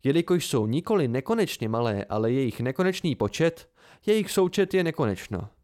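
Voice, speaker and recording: A man's voice: medium pitch, very animated, a little mellow, close to an everyday voice. A man voicing a pedantic young male student who reasons step by step.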